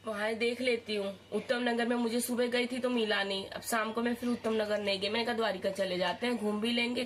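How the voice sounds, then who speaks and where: A woman with a cold vlogging at home early in the morning, speaking softly and slowly so as not to wake anyone. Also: on the high side. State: has a cold. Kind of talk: casual home vlog. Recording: noticeable background noise with vehicles.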